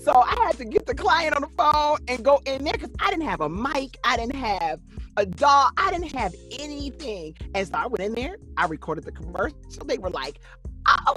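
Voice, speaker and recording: A woman voice-over actress talking about her career in an interview, animated and excitable. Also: fairly high pitch, brisk, faint music behind. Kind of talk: casual interview talk.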